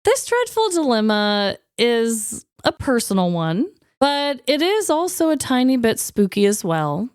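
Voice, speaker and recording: Slightly wheezy, high, animated woman podcaster. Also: measured pace, hardly any pauses, smooth, no room sound, studio quality. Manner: playfully dramatic, emphatic. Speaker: podcast co-host. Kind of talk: casual, chatty podcast talk with storytelling.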